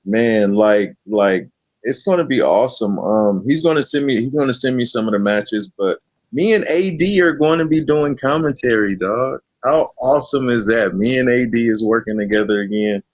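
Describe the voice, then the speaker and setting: A man hosting a casual late-night chat, talking in relaxed slang and stretching out his hype. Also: mid-range voice, no room sound. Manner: laid-back slangy, drawn-out hype. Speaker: host.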